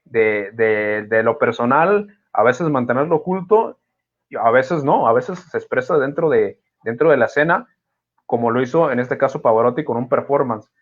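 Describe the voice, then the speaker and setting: A podcast host has a casual conversation in a medium-pitched, expressive voice at normal speed. He is reflective and thoughtful, using many fillers and hesitant restarts, and the audio is dull, muffled lo-fi.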